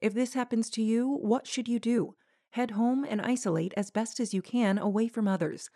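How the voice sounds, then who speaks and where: A woman's voice: fairly high pitch, normal speed, mellow, dry recording, clean studio sound. A woman reading a scripted public health announcement with instructions for listeners.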